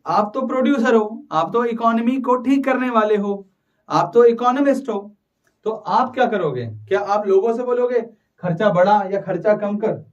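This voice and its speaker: A man teaching an online economics class, urging students to answer fast and mixing Hindi with English terms. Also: very high-pitched, recorded from a distance, highs cut off. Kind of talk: live online class lecture.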